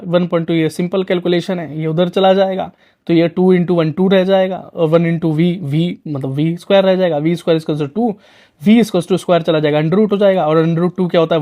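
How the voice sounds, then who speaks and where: A man's voice: high-pitched, mellow. A young man, teaching physics for exam prep in a chatty, coaxing way full of rhetorical questions.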